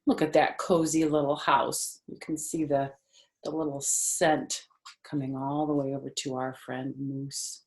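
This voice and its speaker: An older woman with a bass, slightly mellow voice and a flat delivery reads a picture book to children in an animated read-aloud. She's grandmotherly and chatty, asks her listeners questions, pauses on phrases and makes casual asides. The recording is reverberant.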